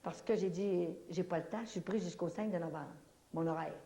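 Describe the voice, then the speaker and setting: A woman with a Québécois French accent recounts her religious testimony to a crowd in an animated, homespun style full of little fillers. Her voice is on the low side and creaky, and she speaks fairly quickly.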